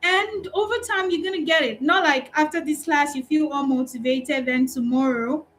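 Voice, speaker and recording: Speaking at a moderate pace in a high-sitting voice, a Nigerian-accented customer support recruiter energetically encourages trainees in a live online session. The recording quality is low.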